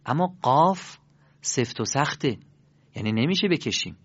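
Male teacher, animated and emphatic delivery, close dry lo-fi recording. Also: mid-range voice, husky, dry recording. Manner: lively, emphatic explaining with sudden rises. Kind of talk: Quran recitation lesson.

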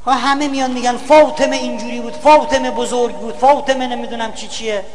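A man with a high voice gives a lecture on values. He keeps it humorous, telling stories and imitating other people's voices to get laughs. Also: fairly even intonation. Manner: storytelling, mimicking others for laughs. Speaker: public speaker.

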